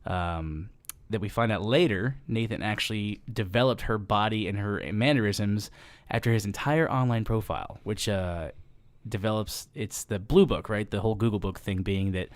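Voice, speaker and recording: A podcast co-host with a lowish voice rambles through a movie plot at normal speed, full of ums and restarts, and laughs easily. The recording is dry.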